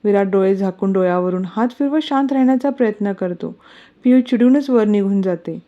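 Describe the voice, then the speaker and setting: A woman narrating a story in a steady, even reading voice. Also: medium pitch, a little fast, narrow, tinny audio.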